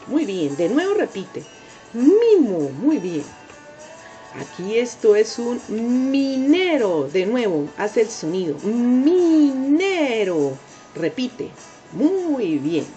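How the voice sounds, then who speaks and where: Slow sing-song woman teaching preschool phonics. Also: medium pitch, very animated. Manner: drawn-out sounds, sing-song praise, coaxing repetition. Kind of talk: slow, exaggerated phonics lesson for young children. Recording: dull lo-fi home recording with soft music.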